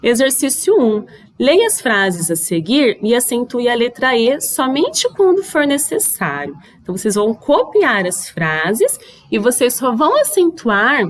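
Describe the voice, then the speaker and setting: A woman's voice: on the high side, very animated. A woman teacher with a Brazilian Portuguese accent, recording a slide lesson for schoolchildren and often checking that they follow. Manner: slow, patient, with frequent checking questions.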